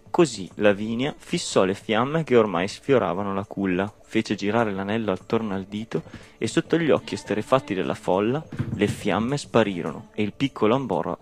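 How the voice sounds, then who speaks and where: A man narrating a children's storybook in a lively, expressive reading. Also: fairly low pitch. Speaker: audiobook narrator.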